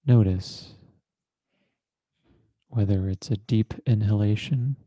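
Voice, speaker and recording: A male meditation teacher guides a session in a deliberate, measured way, leaving long pauses and choosing formal, precise words. His lowish voice is mellow, with no room sound.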